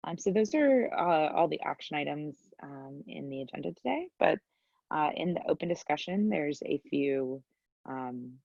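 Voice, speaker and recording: A man facilitating an online meeting, speaking haltingly with many fillers. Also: medium pitch, vocal fry, dry recording. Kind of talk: casual meeting discussion. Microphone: video call. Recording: dull lo-fi call audio.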